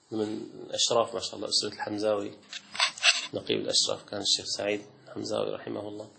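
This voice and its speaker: Gravelly sheikh giving a lecture. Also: male voice, mid-range voice, fairly bright tone, slight background noise. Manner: reads lists aloud, then adds quick colloquial asides. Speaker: sheikh teaching Islamic law. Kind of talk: classroom lecture reading and commenting on a text.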